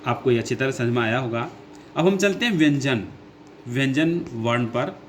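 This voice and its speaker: A man teaching a grammar lesson who goes slowly, repeats his points and asks his own questions before answering them. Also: mid-range voice, expressive, a little hiss or hum. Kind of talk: classroom lesson explaining grammar.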